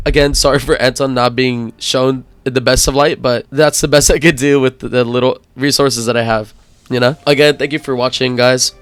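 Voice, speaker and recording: A man with a sick, slightly off voice closes out his game guide video from a home setup. He rambles and keeps apologizing, speaking at an average pitch. The recording is close and dry, with no room sound. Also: smooth, no echo. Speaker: gaming channel host. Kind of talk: casual game guide outro.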